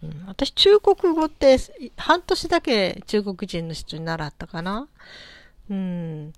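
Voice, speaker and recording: Soft-spoken woman musing aloud. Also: medium pitch, animated, slow, no echo. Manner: gentle, musing, many soft fillers. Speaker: solo podcast host. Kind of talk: casual solo talk.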